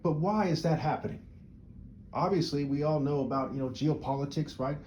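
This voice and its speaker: Mellow-voiced man in a rambling monologue. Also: a little high, brisk, slight background noise. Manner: rhetorical, checks in with frequent "right?" tags; discursive, repeats words while restarting sentences. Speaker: video commentator. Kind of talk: opinionated solo monologue.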